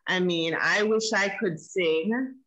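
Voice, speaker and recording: Bright-voiced, upbeat woman host. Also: on the low side, slow pace, poor audio. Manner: enthusiastic, grateful, laughing easily. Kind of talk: casual interview.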